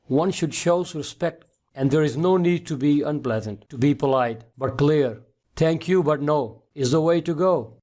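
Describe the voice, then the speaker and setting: A man's voice: on the high side, normal speed, dark tone. A man narrating a scripted story as the narrator of an online video.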